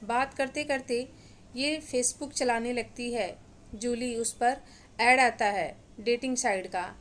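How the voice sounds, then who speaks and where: A woman narrating a scripted moral story in an even, expository way. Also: fairly high pitch, slow pace.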